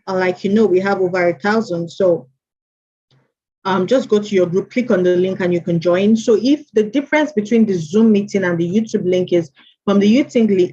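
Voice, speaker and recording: In dull lo-fi stream audio, a woman with a husky, darkish voice of medium pitch hosts an online mentorship session. She chats, reads out attendees' names, and keeps repeating her greetings.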